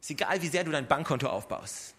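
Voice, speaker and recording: A man delivers a sermon in a relaxed, conversational tone. His voice sits a little high and sounds bright and forward. He keeps turning to the listeners with direct rhetorical questions. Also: fast, husky. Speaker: pastor.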